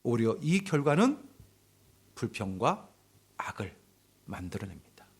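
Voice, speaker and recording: A man's voice: mid-range voice, a little slow, breathy edge. A man preaching a sermon as pastor of a church, telling the story animatedly and sometimes dropping to a near-whisper for emphasis. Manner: animated, acts out quarrels in quoted voices. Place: church hall.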